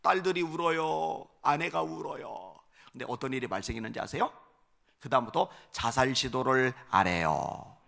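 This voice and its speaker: A male pastor preaching a revival sermon, telling a story and rising to fervent, shouted appeals. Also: medium pitch, big pitch swings, normal speed, creaky. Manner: storytelling with acted quotes, swelling to fervent shouts. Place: church.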